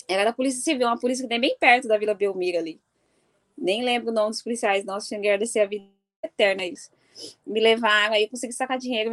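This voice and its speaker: Animated woman telling a story. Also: fairly high pitch. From Mato Grosso do Sul, Brazil. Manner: animated, laughs often while telling. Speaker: football fan. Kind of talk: casual personal storytelling.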